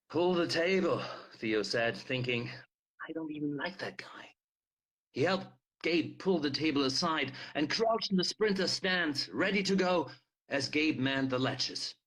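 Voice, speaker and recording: A man reading a novel aloud, animated, with loud acted dialogue. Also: medium pitch. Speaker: reader.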